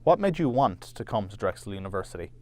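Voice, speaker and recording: A man's voice: fairly low pitch, sing-song, fast talker, mellow. A man reading scripted news narration and interview questions as a reporter.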